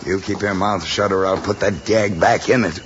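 An American actor playing a wary, gruff middle-aged rancher in an old-time radio western, with a terse, commanding manner. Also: male voice, sits low, fairly even intonation, normal speed, natural voice. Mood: tense, commanding. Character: wary, gruff rancher and father holding captives. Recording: muffled, noisy old radio recording.

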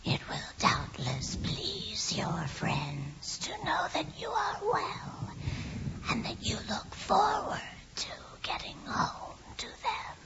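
An actor playing an ancient vampire count who speaks in a smooth, courteous, domineering whisper, in a radio drama. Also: medium pitch, wildly swooping pitch, slow, full character voice. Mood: commanding. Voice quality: whispered, breathy delivery. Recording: dull lo-fi audio.

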